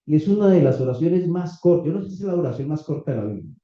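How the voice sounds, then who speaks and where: A man preaching a sermon to a congregation, reading scripture slowly and asking the listeners questions. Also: on the high side, expressive, mellow. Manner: slow, deliberate preaching with rhetorical questions to the congregation. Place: small church meeting room. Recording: echoey, slightly dull church recording.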